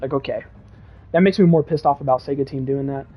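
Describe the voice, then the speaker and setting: A young man streaming casually, reading chat and rambling excitably with lots of "dude" and "bro". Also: mid-range voice, fast, husky, highs cut off, soft background music.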